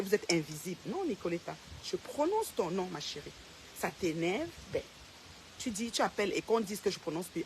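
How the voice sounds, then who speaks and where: A woman's voice: medium pitch, a little hiss or hum. A woman ranting straight to the camera, calling out a rival by name and repeating her points with confrontational emphasis. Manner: confrontational, addresses a rival directly and repeats herself. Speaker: social media personality. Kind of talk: direct-to-camera rant.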